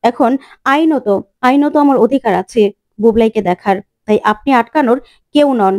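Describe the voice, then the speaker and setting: A woman's voice: on the high side, moderate pace, darkish tone, no echo, clean studio sound, natural voice. A woman voicing a firm, urgent stepfather hurrying the family along.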